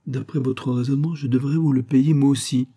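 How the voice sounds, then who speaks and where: Man doing a young widow innkeeper, cooing, pleading, pitched up, husky, audiobook character. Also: fairly even intonation, brisk, mellow, close to an everyday voice.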